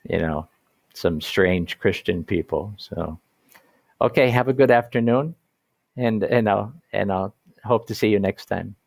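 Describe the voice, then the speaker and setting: A man teaching an online English lesson, talking in a halting way with many restarts and slow, stressed words. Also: deep voice, gravelly, darkish tone, no room sound.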